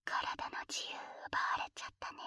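A woman voicing a playful, teasing young lover in an intimate audio drama, whispering softly close to the microphone. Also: normal speed, dry recording. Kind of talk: intimate whispered ASMR roleplay.

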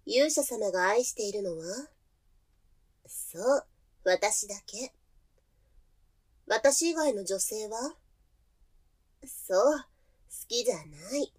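A woman voicing a possessive, devoted adult woman who has waited centuries for a hero, speaking slowly in a sweetly polite, softly menacing way. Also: medium pitch, expressive. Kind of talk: adult audio drama role-play.

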